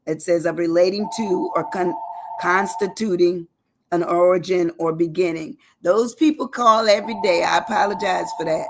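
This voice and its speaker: A woman's voice: fairly low pitch, gravelly. A woman giving a casual spoken lesson from home, repeating and spelling out words with chatty asides. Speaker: educator presenting a word lesson. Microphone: live-stream setup.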